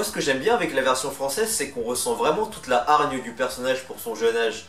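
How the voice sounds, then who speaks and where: Male countdown host, informal and opinionated, medium pitch, roomy sound over music. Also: a bit bright. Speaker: video host presenting a ranking. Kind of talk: casual countdown commentary. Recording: roomy, distant mic, music underneath.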